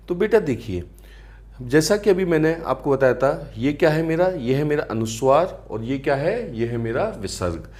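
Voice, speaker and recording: A man's voice: fairly high pitch, darkish tone. A man teaching grammar in a lecture, often asking the class rhetorical questions and calling them friends. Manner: asks rhetorical questions, calls students friends and beta.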